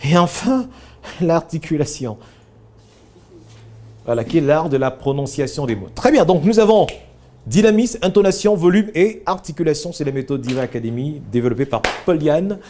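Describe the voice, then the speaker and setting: Man, high voice, voice coach, animated workshop teaching. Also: moderate pace. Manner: animated, coaching, correcting students. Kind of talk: voice training workshop.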